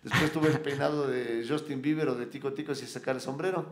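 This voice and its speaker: A middle-aged man, a psychologist guest chatting casually and telling animated stories full of slang. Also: mid-range voice, fairly quick, slight background noise. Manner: lively storyteller, slangy, animated asides. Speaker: podcast guest, psychologist and broadcaster. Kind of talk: casual conversation. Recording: roomy echo.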